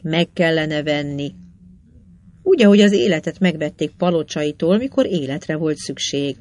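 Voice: medium pitch, a little mellow, no room sound, natural voice. A reader voicing a sly, jovial male schemer who talks in a wheedling, boastful way in an old tavern story. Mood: scheming. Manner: wheedling, boastful, grinning talk. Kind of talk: audiobook character reading.

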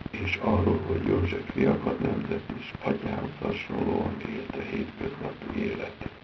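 A man giving a theatrical reading of literary prose, with a dramatic delivery. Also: gravelly. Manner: theatrical, dramatic delivery with big pitch swings. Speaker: reader. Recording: dull lo-fi recording with steady background noise.

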